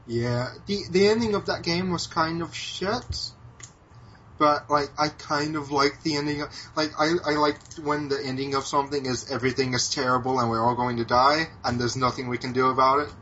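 An American man chatting on a podcast, his voice bright and forceful. He stumbles through plenty of ums and restarts and swears casually. The recording is dull and lo-fi, with a faint hiss behind him. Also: medium pitch, steady tone, moderate pace. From United States. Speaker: podcast co-host. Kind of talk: casual chat about video games.

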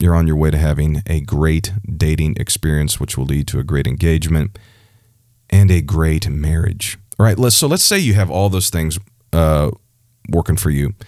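A man's voice: rumbling low, darkish tone, dry recording, clean studio sound. A man giving earnest dating advice from a church perspective in a casual, conversational way, with frequent fillers and restarts. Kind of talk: casual religious advice talk.

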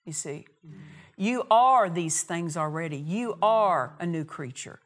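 A woman's voice: lowish voice, lively intonation, slow. Woman preaching with emphatic repetition. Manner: emphatic, repeats key phrases, acts out quoted dialogue. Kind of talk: sermon.

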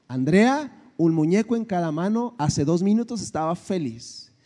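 A male pastor with a Mexican accent telling a folksy story in his sermon, lively and animated. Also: sits high, a little slow. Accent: Mexican Spanish. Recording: echoey hall reverb.

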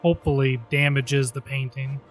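A man's voice: medium pitch, level tone, normal speed, faint music behind. A man chatting casually as a player in a tabletop role-playing game.

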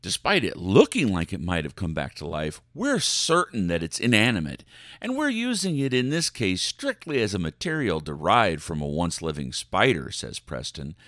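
A man's voice: low-pitched, huge pitch swings, moderate pace, a bit bright, no room sound, studio quality. A man hosting a podcast, reading news articles aloud and commenting on them in a theatrical, sarcastic, mock-outraged way. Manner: theatrical, dramatic delivery. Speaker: podcast host.

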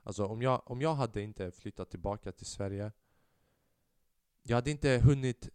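A young man from Sweden, a podcast host telling a story in an animated way, swinging from loud outbursts to low mutters and mixing in English slang and swearing. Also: clear, resonant tone, dry recording. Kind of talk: casual storytelling.

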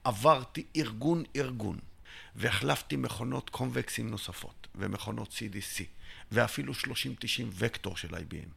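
A middle-aged man from Israel, an interviewee telling his business story in an animated way, acting out both sides of each conversation. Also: medium pitch, vocal fry, slightly rough. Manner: tells a story by acting out both sides of a dialogue, sometimes shouting. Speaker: interviewee, entrepreneur. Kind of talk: animated storytelling with acted dialogue.

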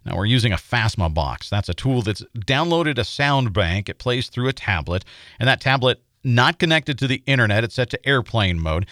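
An American man hosts a scripted paranormal feature in a lowish voice. He tells it in a measured, suspenseful way. The recording is dry, with no room around him. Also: fairly bright tone, dry recording. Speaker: host and narrator.

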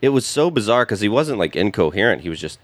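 A man with a fairly low voice, a stand-up comedian in a casual conversation. He tells stories and acts out what others said. The sound is dry and close. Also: sing-song, fast, dry recording. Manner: storytelling, acts out quotes. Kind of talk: casual chat.

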